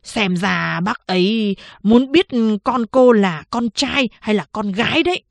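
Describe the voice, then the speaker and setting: A woman voicing a gruff, scolding old male town chief in an audiobook. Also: mid-range voice, unhurried, no room sound. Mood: grave. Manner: scolding, shouting.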